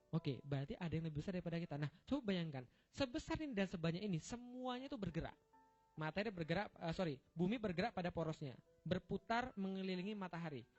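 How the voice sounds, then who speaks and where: A man with a high, quick voice lecturing like a comic preacher, firing off rhetorical questions and punchlines at his listeners. The recording is dull and lo-fi, with faint music underneath. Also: a bit bright. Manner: joking, quizzing the audience with rhetorical questions. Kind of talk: humorous religious lecture with slides.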